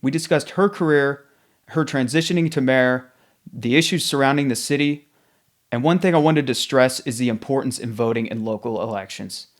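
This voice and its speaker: A man's voice: medium pitch, normal speed. A man hosting a podcast, introducing the episode and asking direct, opinionated questions. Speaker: podcast host. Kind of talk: podcast interview.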